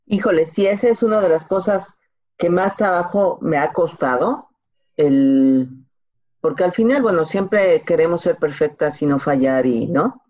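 A woman with a Mexican accent appears as a podcast guest offering career advice, answering casually and colloquially with examples and rhetorical questions. Her voice is fairly low, unhurried and a little mellow. The recording sounds slightly dull and lo-fi.

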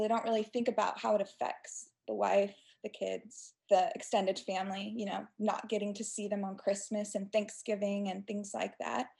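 A woman in her twenties from Texas, a guest telling stories in a chatty, animated way during a casual interview. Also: mid-range voice, vocal fry. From United States (Texas). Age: 20s.

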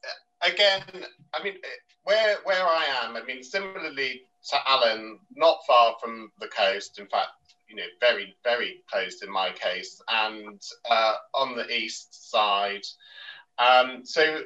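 A man's voice: mid-range voice, unhurried, bright, forceful tone. A man in casual conversation who speaks hesitantly, often restarting his sentences. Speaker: guest. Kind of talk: casual chat. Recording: distant, dull remote line.

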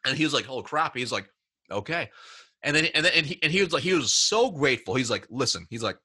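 A man's voice: medium pitch, expressive, rapid-fire, sharp tone, husky. A man telling a workplace story as an interview guest, acting out both sides of the dialogue. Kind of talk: casual storytelling chat.

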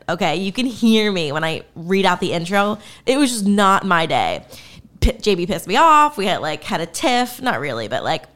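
A woman's voice: medium pitch, fairly bright tone. A woman hosting her podcast alone from a home spare room, chatting casually in a bubbly, hyped, playful way. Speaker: podcast host. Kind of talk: casual solo podcast chat.

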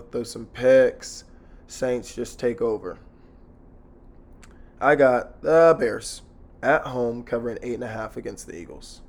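Hoarse, gravelly man hosting a sports podcast. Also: mid-range voice, a little mellow. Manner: blunt, slangy, sweary. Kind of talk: casual solo sports betting commentary.

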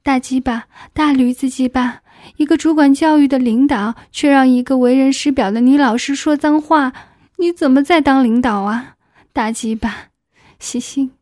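A woman voicing a shy married schoolteacher in an adult audiobook, speaking in a breathy voice that often drops to a whisper. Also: high voice, normal speed, a little mellow, no echo, clean studio sound, natural voice. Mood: breathy aroused.

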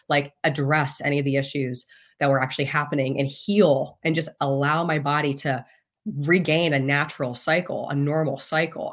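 Her voice is deep. She's a podcast guest in her thirties relating something from her own life candidly and casually, with plenty of swearing and frequent laughter.

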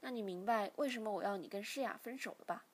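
A woman's voice: medium pitch, fast talker, lightly acted. A woman voicing a stern, weary middle-aged father who lectures his grown son, in a read-aloud novel.

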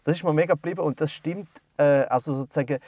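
A man's voice: on the high side, fast talker, a little mellow, dry recording. Swiss german guy rambling on a podcast, lots of ums, playful, dry close sound. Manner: playful, rambling, hesitant with many fillers. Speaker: podcast co-host. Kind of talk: casual banter.

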